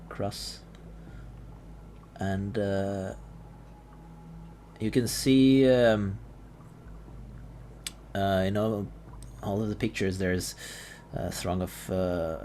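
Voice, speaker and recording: A man narrating a tabletop game as game master, hesitant with many fillers and restarts. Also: low voice. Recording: steady background noise.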